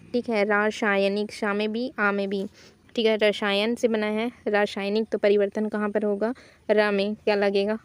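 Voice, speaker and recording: A woman's voice: medium pitch, a little mellow, clean tone. A woman teaching a Hindi spelling lesson for exam practice, explaining each answer step by step and asking questions as she goes.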